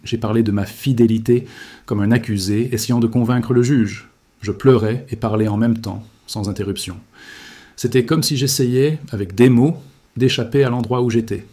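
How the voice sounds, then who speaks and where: A man's voice: mid-range voice, steady tone, normal speed, mellow, husky. A man reading a grave, confessional first-person religious testimony in a solemn scripted narration.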